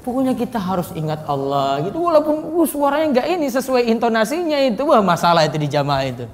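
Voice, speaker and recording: Animated teacher in an echoing hall. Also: male voice, extremely high pitch, fast talker. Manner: animated, swings from soft to loud, acts out examples. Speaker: Islamic teacher. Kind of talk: lively teaching talk on sermon delivery. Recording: long hall reverb.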